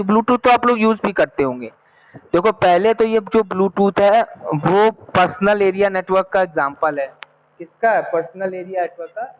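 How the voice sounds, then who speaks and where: High-voiced male teacher explaining slowly. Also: rough recording. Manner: explains slowly, reads English text then repeats in Hindi; checks understanding often. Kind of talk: online class lesson.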